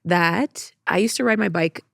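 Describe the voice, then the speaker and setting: Female comedy podcast host with a low, gravelly voice who tells rambling, self-deprecating stories in casual chat; close, dry studio mic. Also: unhurried, a bit bright, dry recording.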